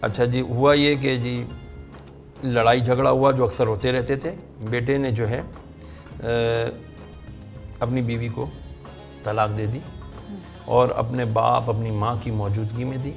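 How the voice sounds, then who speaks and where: A middle-aged man, a religious scholar with a Pakistani Urdu accent, tells a long story and acts out the people in it. His voice is gravelly with a lot of creak, at a medium pitch. Soft music plays behind him. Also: level tone, pauses often. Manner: narrates at length, acting out the people in his stories.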